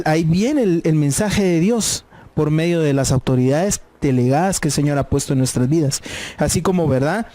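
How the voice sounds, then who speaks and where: Mellow Guatemalan man at Bible study. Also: on the high side, no room sound. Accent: Guatemalan Spanish. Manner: measured, often tags "¿verdad?". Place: church.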